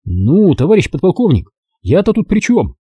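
A man's voice: huge pitch swings, moderate pace, warm tone, husky, no echo, full character voice. A man doing a timid young lieutenant. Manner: sheepish, hesitant, raised pitch. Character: timid young male lieutenant, gangly and shy.

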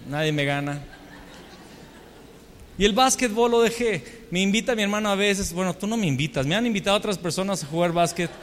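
A man's voice: high voice, fast, few pauses. A man with a Mexican accent preaching a storytelling sermon, full of rhetorical questions and self-mocking humor. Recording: long hall reverb.

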